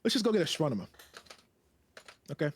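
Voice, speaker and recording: A man's voice: a little high, sing-song, brisk, a little hiss or hum. A man playing a tabletop role-playing game, chatting loosely and laughing often, with casual profanity. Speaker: player. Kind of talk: tabletop role-play chat.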